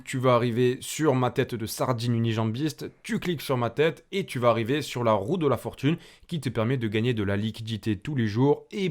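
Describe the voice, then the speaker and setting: A man's voice: medium pitch, darkish tone. A man with a French accent hosting a casual market commentary, chatting to the viewer and walking through charts. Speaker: crypto channel host.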